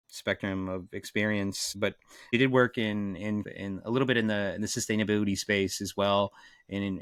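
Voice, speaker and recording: A man hosts a podcast in a low, relaxed voice. He asks loose, rambling questions and repeats words as he finds his way. The recording is close and dry. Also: dry recording. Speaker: podcast host. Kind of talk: scripted podcast intro, then casual interview questions.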